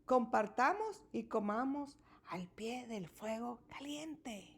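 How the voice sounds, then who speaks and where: A woman voicing a friendly, food-loving badger in a children's storybook, speaking in a slow, savoring sing-song. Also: fairly high pitch, expressive, breathy edge, full character voice. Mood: greedy delight. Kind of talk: storybook character voice.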